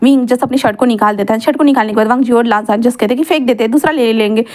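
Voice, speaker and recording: A woman narrating a fan fiction story in a casual, chatty way. Her voice is high and she races along, full of fillers and quick self-corrections. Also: darkish tone.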